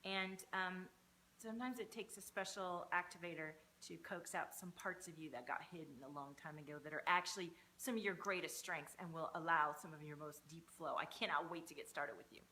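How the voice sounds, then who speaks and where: A woman's voice: fairly low pitch, fairly even intonation, brisk, pushed and bright, a little hiss or hum. A woman giving an informal, sweary motivational pep talk as a coach on a livestream, with emphatic, punchy delivery. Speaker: energy coach hosting a livestream.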